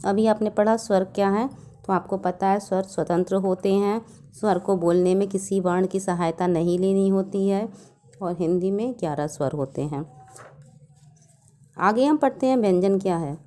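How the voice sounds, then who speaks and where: A woman school teacher giving a recorded grammar lesson, explaining slowly and asking her pupils questions. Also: mid-range voice, warm tone. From North India.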